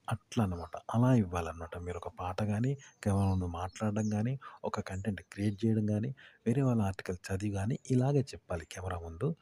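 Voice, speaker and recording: A man's voice: medium pitch, warm tone, breathy edge. A man explaining tips for talking on camera in a repetitive style, listing word after word and asking rhetorical questions. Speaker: YouTube tips presenter.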